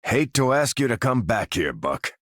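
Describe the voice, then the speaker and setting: Captain America, a dynamic commanding soldier. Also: male voice, mid-range voice, sing-song, moderate pace, a bit bright, no echo, clean studio sound. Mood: grave, firm. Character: dutiful, resolute male soldier commanding a superhero team. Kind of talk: video game character voice lines.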